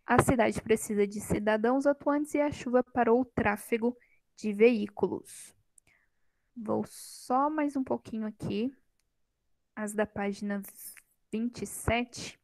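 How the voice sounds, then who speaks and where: Slow, patient woman teacher. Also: fairly high pitch, darkish tone, no room sound, rough recording. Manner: unhurried, quizzes the class, light teasing. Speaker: Portuguese teacher. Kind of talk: classroom grammar lesson. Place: classroom with students. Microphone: microphone.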